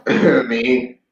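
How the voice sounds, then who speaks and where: A man co-hosting a casual boxing talk show, speaking in a halting way with frequent restarts. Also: medium pitch, echoey room, lo-fi sound. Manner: halting, many fillers and restarts. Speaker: podcast co-host.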